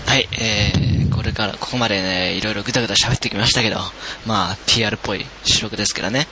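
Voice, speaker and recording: A man's voice: fairly low pitch, steady tone, rapid-fire. A man hosting a casual group chat on a voice call, speaking into a headset. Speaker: host of a recorded chat. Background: music.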